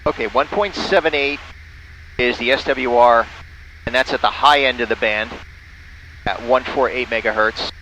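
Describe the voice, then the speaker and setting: Speaking at normal speed with frequent pauses, a man with a mid-range, bright, forceful voice narrates a flight from a small airplane cockpit. He makes amateur radio calls and spells callsigns in the phonetic alphabet. The audio is poor, with faint engine noise.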